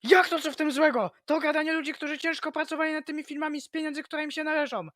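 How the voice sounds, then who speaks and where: A woman voicing a hot-headed young male puppy in a shrill, shouting voice for a parody cartoon dub, with loud music behind. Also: fairly even intonation, fast, very noisy, close to an everyday voice. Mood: indignant.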